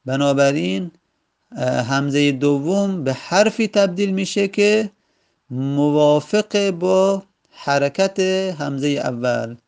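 Guy with a gravelly kinda high voice going through grammar rules one step at a time. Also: darkish tone. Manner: methodical, explains step by step with pauses. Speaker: teacher. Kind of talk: Arabic grammar lesson.

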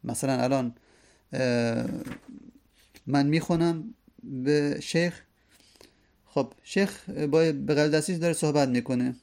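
A man teaching a lesson, who reads classical verses slowly and then explains them at length. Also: mid-range voice, creaky, darkish tone. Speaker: teacher of hadith studies.

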